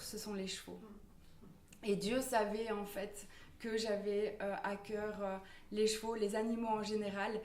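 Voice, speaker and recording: A woman's voice: mid-range voice, darkish tone, a little hiss or hum. Woman, church testimony, hesitant with lots of fillers, roomy echo, faint ambience behind. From Normandy, France. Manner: hesitant, many fillers and restarts. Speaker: church member giving testimony. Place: church hall. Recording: echoey room from far off.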